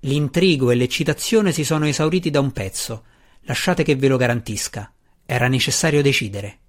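An ancient, withered matron mother who rules the room with a few curt words, read by a man. Calm and commanding, she speaks as the final authority in an audiobook fantasy. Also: medium pitch, brisk, close to an everyday voice. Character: old withered powerful dark elf matron mother. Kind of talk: audiobook reading.

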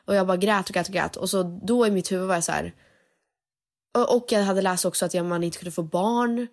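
Young woman, singer, slightly low voice, candid confessional storytelling with English slipped in. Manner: candid, mixes English phrases into Swedish. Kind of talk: personal storytelling.

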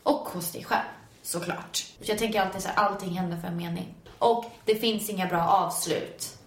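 A young woman guest chatting casually and telling stories with a giggly, animated manner, acting out her own reactions. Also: lowish voice, a little hiss or hum. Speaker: guest, video maker. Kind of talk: casual chat. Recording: roomy echo.

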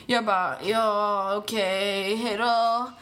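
A young woman co-hosting a casual chat, telling a story in an animated way, laughing and acting out the voices of other people. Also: medium pitch. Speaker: co-host.

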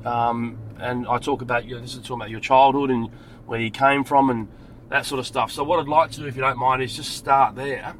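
A man's voice: medium pitch, fairly even intonation, brisk, a bit bright, rough recording. A man hosting a casual chat from behind the wheel of his car. He asks questions in a friendly, easygoing way with plenty of hesitant fillers. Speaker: podcast host interviewing in his car. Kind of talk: casual chat while driving. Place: driving a car. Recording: faint road noise.

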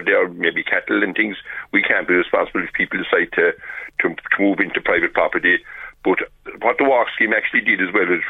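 Deep husky west of ireland kerry guy on a radio interview, stumbles over words, tinny phone line. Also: no echo. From County Kerry, Ireland. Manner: hesitant, stop-start with repeated words. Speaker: farmers' association representative, radio guest.

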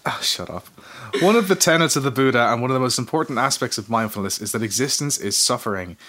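Fast-talking man reading an essay. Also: mid-range voice, lively intonation, fairly bright tone. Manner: fast, earnest and self-mocking. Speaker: podcast co-host. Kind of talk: casual chat, reading an essay.

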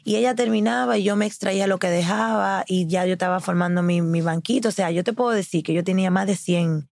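A woman casually telling a story in a lively way, acting out what others said. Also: medium pitch, quick pace, gravelly, dry recording, studio quality. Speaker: guest.

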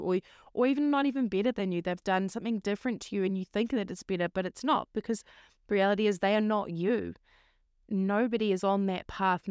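Female podcast host, mid-pitched and slightly croaky, earnest and encouraging, recorded dry and close. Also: darkish tone, no room sound. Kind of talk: solo motivational podcast talk.

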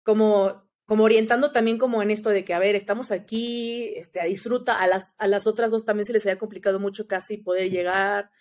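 A woman's voice: medium pitch, steady tone, a little fast, hardly any pauses, darkish tone. A young Mexican woman with a Mexican accent, chatting casually as a podcast guest and dropping "¿sabes?" often. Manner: chatty, frequent "¿sabes?" fillers. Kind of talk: casual interview chat.

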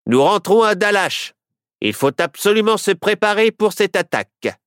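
A man's voice: high voice, big pitch swings, moderate pace, fairly bright tone, clean tone, no room sound, clean studio sound, voice pushed up. A man voicing a stubborn, suspicious Wild West sheriff in a storybook reading, with a blunt, certain manner. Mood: gruff.

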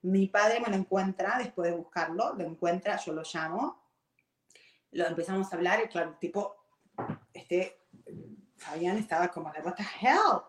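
A woman's voice: on the low side, normal speed, long pauses. A middle-aged woman with an Argentine accent telling a personal story to her audience in a candid, confiding way, slipping in English words. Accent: Argentine Spanish. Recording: echoey room.

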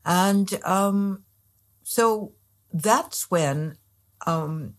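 A woman researcher answering interview questions thoughtfully, pausing often with hesitations. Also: medium pitch. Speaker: guest researcher.

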